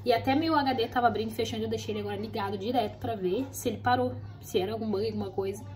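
Fast-talking woman chatting in a vlog. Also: fairly high pitch, darkish tone. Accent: Brazilian Portuguese. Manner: chatty, rambling, often adds "né?" and "gente". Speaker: vlogger running a custom stationery studio. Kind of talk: casual vlog chat to camera. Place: craft studio.

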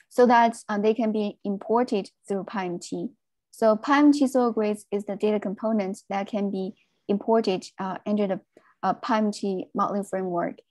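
A woman giving a technical presentation on a video call, speaking in a measured way with frequent fillers. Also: mid-range voice, darkish tone, no echo.

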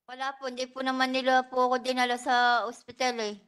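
Female witness, clear smooth higher voice, soft and deferential replies. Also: monotone, fairly quick. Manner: soft, polite, short answers. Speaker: witness, domestic worker. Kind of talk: testimony at a hearing. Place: legislative hearing room.

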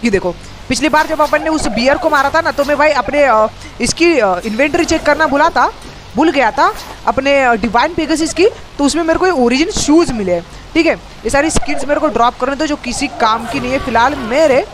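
Gamer host, male, slang, hoarse throat, unusually high pitch, excitable and repetitive, faint room hum. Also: brisk. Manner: excitable, slangy, repeats himself. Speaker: gaming YouTuber host. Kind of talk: live gameplay commentary.

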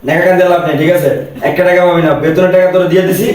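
A man's voice: high-pitched, level tone, rapid-fire, darkish tone, lightly acted. A man with a Bangladeshi Bengali accent playing a harsh, contemptuous employer who bullies his servant. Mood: bullying. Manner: harsh, bullying, sneering. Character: cruel, contemptuous male employer. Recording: echoey room, mic far off.

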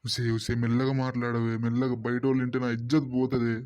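A man doing a flat, pleading henpecked husband. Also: mid-range voice, fast talker, natural voice. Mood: flustered. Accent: Telangana Telugu. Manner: pleading, flustered. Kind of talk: cartoon comedy voice acting. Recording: muffled lo-fi recording.

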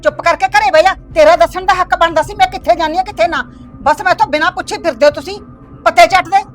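A woman's voice: very high voice, fast talker, faint music behind. A woman playing a stern, touchy older village mother who scolds her family for leaving her out. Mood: scolding. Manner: scolding, complaining, sharp-tongued. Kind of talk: village web-series acting.

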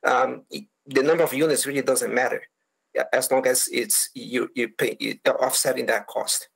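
A man gives testimony at a city council hearing over a video call. His voice is gravelly and husky, and he speaks haltingly, restarting his sentences often. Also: mid-range voice, fairly even intonation, low-quality recording. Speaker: applicant's architect.

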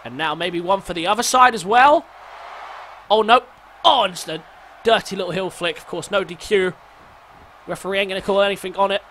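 A man giving excitable play-by-play commentary on a wrestling match, rising to shouts at the big moves. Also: sits high, brisk, pauses often, a little hiss or hum.

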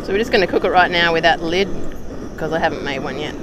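An Australian woman vlogging outdoors in a casual how-to chat, slangy and relaxed with easy laughs. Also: lowish voice, fast, background noise. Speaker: hiking vlogger.

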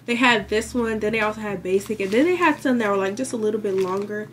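A woman's voice: medium pitch, quick pace, slight background noise. A young woman, slightly congested, chatting casually through a shopping haul vlog full of fillers. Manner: chatty, relaxed, filler-heavy. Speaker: vlogger.

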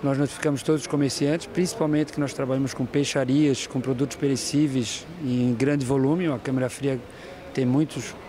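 A man in his fifties with a Brazilian Portuguese accent, giving a serious, explanatory news interview into a handheld mic. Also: fairly high pitch. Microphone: handheld microphone. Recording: noisy street background. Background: street and traffic noise.

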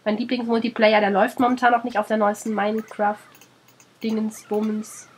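A woman's voice: on the high side, little pitch movement, moderate pace, slight background noise. A woman with a German accent, sick and under the weather, chatting her way through a let's play, scolding the animals in the game and swearing casually.

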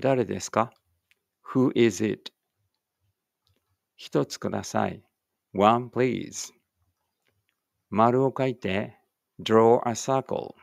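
A male English teacher reads short phrase pairs very slowly and carefully, giving each Japanese line and then its English version. His voice is gravelly and ordinary middle pitch, and the recording is close and dry with no echo.

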